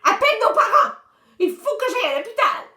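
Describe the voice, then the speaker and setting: Storybook read-aloud: a woman playing a dramatic little boy, shrill and pleading, bouncy pitch. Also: big pitch swings, brisk, sharp tone, exaggerated voice. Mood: panicked. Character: panicky little boy twin, whiny and dramatic. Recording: roomy echo.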